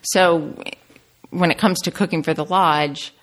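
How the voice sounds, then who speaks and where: Middle-aged woman, low-pitched, rambling, casual storytelling, from rural Virginia. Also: fairly even intonation, unhurried. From rural Virginia, United States. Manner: rambling, goes off on tangents. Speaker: guest, home cook and cookbook author. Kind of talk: casual interview chat, personal storytelling.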